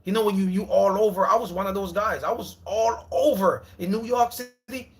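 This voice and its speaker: Hosting a casual livestream from his home, a Jamaican man speaks at a moderate pace in a voice fairly high for a man. He rambles and repeats himself in a loose, friendly way, calling his viewers brother and bro.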